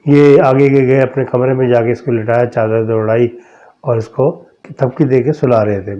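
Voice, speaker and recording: Man, mellow dark voice, slow measured horror storytelling, dull lo-fi sound. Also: mid-range voice, steady tone. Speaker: storyteller host. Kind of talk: narrating a true horror story.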